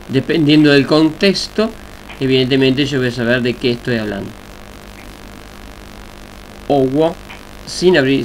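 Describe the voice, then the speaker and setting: A man teaching a recorded Yoruba language lesson, explaining slowly and deliberately with examples. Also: mid-range voice, low-quality recording. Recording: faint hiss and mains hum.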